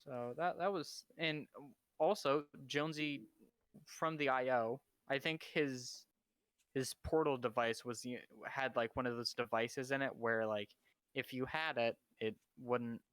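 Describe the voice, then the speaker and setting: A man's voice: medium pitch, fairly even intonation, unhurried, a bit bright, clean tone, no room sound. A man who is a guest on a casual gaming chat, talkative and loose, often hedging with "you know".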